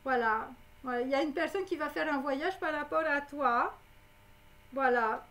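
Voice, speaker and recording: A woman with a high, fairly bright voice speaks at an unhurried pace, giving a live clairvoyant reading straight to her viewers. As a psychic reader, she rambles along, packing her talk with fillers and tags.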